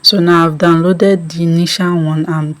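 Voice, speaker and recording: Tutorial host: woman, deep and even-toned, explains each step with ums. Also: normal speed. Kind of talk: screen-recorded app tutorial.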